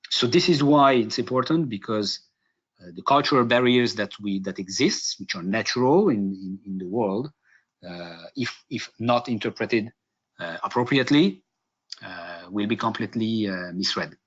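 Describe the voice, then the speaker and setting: A man from Hungary giving a business webinar presentation, halting, with many fillers and restarts. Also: on the low side, lively intonation, fairly bright tone, slightly rough. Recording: dull lo-fi webinar audio.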